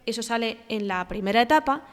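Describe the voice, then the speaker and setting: A woman's voice: a little high, animated, a little fast, big-room sound. A woman with a Spanish accent from Spain, teaching and walking through exam answers, with filler sounds and frequent checks for understanding. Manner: explanatory, checks in with "¿vale?", hesitant fillers. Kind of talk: exam walkthrough lesson.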